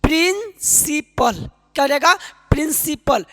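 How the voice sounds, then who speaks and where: A woman's voice: sits high, expressive, a little slow, fairly bright tone. A woman teaching a spoken English class, explaining pronunciation rules and quizzing her listeners again and again with friendly encouragement. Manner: keeps quizzing listeners with repeated questions; affectionate, encouraging teacher talk. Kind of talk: online class lecture. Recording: long hall reverb.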